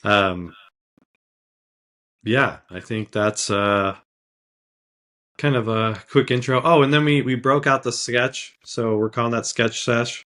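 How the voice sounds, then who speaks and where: A man's voice: medium pitch, slow pace, pauses often, a bit bright. A man co-hosting a casual podcast with a slight cold, talking in a laid-back way with lots of fillers and easy laughs. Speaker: podcast co-host.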